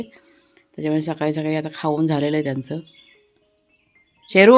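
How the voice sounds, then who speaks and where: A woman from Maharashtra in casual vlog narration, chatty and explanatory as she speaks to viewers from an outdoor garden, now and then calling loudly to her dogs. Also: low-pitched. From Maharashtra, India. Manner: calls out loudly to her dogs between remarks. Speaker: family vlogger.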